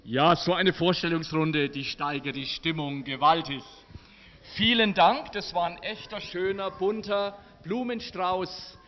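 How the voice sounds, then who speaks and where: A man leading a church service and giving its announcements in a measured way, with halting fillers and restarts. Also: high-pitched, fairly even intonation, a little hiss or hum. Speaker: worship leader. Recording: echoey church hall, dull lo-fi, faint music.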